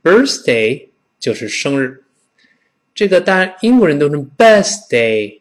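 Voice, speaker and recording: A middle-aged man from China teaching a spoken English lesson, demonstrating pronunciation slowly and repeatedly. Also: on the high side, sing-song.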